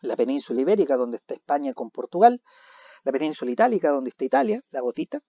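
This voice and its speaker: A man teaching a recorded video lesson, animated, asking questions and answering them himself. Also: medium pitch, quick pace, no room sound. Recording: dull lo-fi recording.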